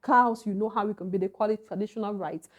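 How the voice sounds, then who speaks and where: A woman's voice: mid-range voice, fairly even intonation, quick pace, darkish tone. A woman giving a casual spoken film review, chatty and calling her viewers honey and baby. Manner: chatty, addresses viewers as honey and baby, asks "are you getting?". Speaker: movie reviewer.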